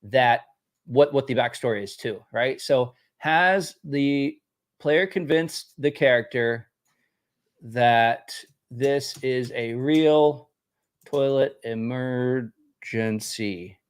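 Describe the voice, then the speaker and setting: A man's voice: mid-range voice, slow pace, smooth. A man hosting a casual live demo, rambling, repeating words and laughing easily. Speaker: host demoing a game tool.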